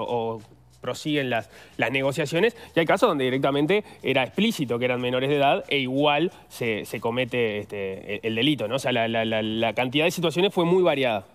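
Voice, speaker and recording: A man hosting a news talk show, briefing listeners on a case and questioning his guest, with frequent "este" fillers. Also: mid-range voice. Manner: informative, uses many "este" fillers. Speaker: radio show host, interviewer.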